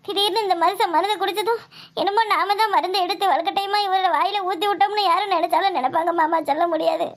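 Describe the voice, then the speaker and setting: A piercingly high, shrill cartoon daughter-in-law, as a woman acts her out wails in a southern Tamil village dialect. She laments loudly between sobs, theatrical and scheming at heart. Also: fairly even intonation, fast. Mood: fretful scheming. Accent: southern Tamil Nadu village dialect. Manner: sobbing, loud lamenting. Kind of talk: cartoon voice acting.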